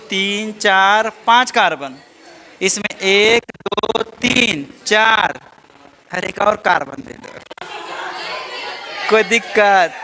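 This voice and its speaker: An Indian-accented man with a high-pitched, bright, forceful voice teaches organic chemistry in a classroom lecture. He drills students with repeated check-in questions and teases them playfully.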